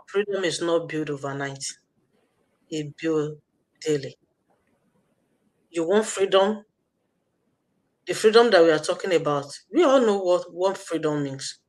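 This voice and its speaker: A Nigerian-accented woman with a lowish voice hosts an online live stream, delivering a motivational talk on a low-quality recording. She comes across as preachy, repeats her points, and thinks aloud with frequent fillers.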